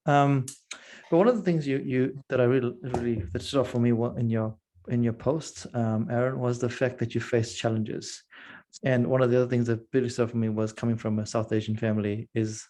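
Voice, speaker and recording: A man's voice: medium pitch, fairly even intonation, fairly quick, dark tone. A man from Zimbabwe, hosting a casual interview podcast and eagerly affirming his guest. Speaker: podcast host.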